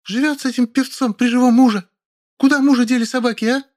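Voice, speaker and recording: A man's voice: very high-pitched, fairly even intonation, fast talker, pitched above the performer's own voice. A man voicing a brash, quarrelsome young woman who screeches insults at her neighbours. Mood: shrieking, furious.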